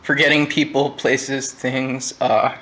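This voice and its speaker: Candid young man speaking haltingly. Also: medium pitch, little pitch movement, background noise. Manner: halting, candid, with frequent pauses and fillers. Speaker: vlogger. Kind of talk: personal monologue to camera.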